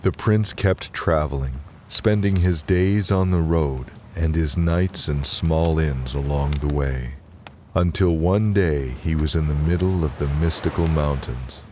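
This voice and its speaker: A man with a very deep voice gives a calm, unhurried, soothing narration for guided relaxation and bedtime storytelling. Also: a little hiss or hum.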